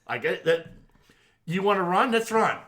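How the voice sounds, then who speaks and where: A middle-aged man tells an old story on a casual podcast. His voice sits fairly high and sounds bright, and his pitch jumps around a lot. He swears freely, acts out each line of dialogue and laughs often. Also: normal speed. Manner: profane, animated storyteller who acts out quotes and laughs often. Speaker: podcast co-host.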